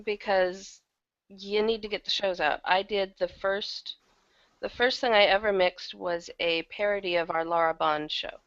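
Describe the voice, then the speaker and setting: A woman with a medium-pitched, steady, fairly bright and smooth voice speaks a little slowly. She's an audio drama producer and audiobook narrator, chatting loosely as an interview guest and sometimes correcting herself. The recording is muffled, with no room sound.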